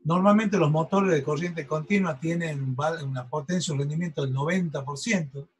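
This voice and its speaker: A man's voice: fairly high pitch, normal speed, rough recording. A man giving an engineering lecture, explaining step by step and often checking in with his students. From Argentina. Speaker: university lecturer.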